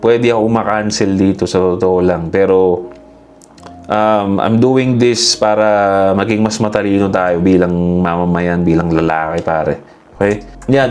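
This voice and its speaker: A man from the Philippines giving casual, animated commentary to his viewers, who he calls "pare" and "bro". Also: fairly low pitch. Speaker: vlogger.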